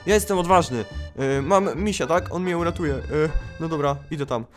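A young man playing a father in a game role-play, narrating dramatically and swinging between scared mutters and shouts. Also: fairly high pitch, fairly quick, faint music behind.

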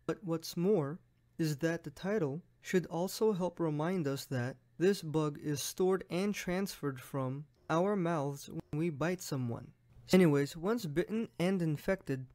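A man's voice: on the high side, darkish tone. A young man, friendly and explanatory, narrating a drawing lesson for a medical exam as its host.

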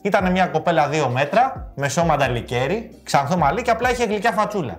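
A man co-hosting a show, telling funny stories in a lively way and acting out the lines of the people in them. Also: on the high side, soft background music. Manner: lively, acts out quoted lines. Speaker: co-host. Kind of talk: casual comedic storytelling.

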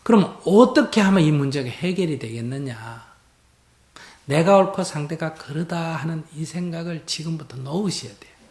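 A Buddhist monk gives a dharma talk. He is animated, swings from loud emphasis to hushed near-whispers, and asks the audience rhetorical questions. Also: fairly high pitch, moderate pace. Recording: roomy hall echo.

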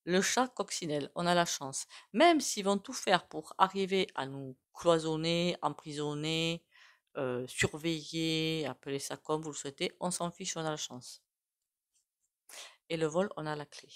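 A woman with a low voice and a regional French accent reads tarot cards in a relaxed, spoken way. She muses aloud and drifts from thought to thought as if chatting with her viewers. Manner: musing aloud, loose and conversational. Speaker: tarot reader and psychic. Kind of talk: casual spoken tarot reading.

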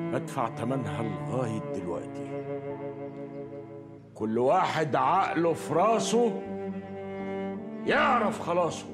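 A man's voice: medium pitch, close to an everyday voice. An actor with an Egyptian Arabic accent playing a stern, embittered father who scolds his grown children in a TV comedy series. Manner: stern, scolding, bitter ranting.

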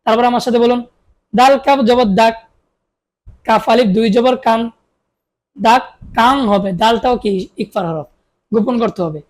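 A woman teaching Quran reading, spelling out syllables and drawing them out slowly, asking questions and answering them herself, with a Bangladeshi Bengali accent. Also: on the high side, a little mellow. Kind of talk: spelling-out recitation lesson.

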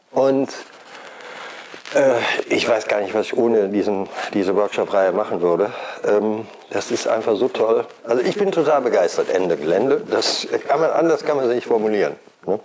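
An older man with a low voice gushes casually about a workshop series. Faint ambient noise sits behind him. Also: lively intonation, moderate pace, a little mellow. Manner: enthusiastic, casual. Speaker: workshop participant.

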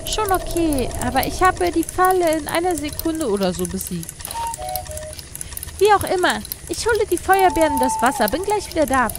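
A woman plays a polite, curious little girl in an adventure game. The childlike voice is extremely high and swings in pitch, over clear background noise. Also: big pitch swings, normal speed. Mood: matter-of-fact. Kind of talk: game dialogue read aloud.

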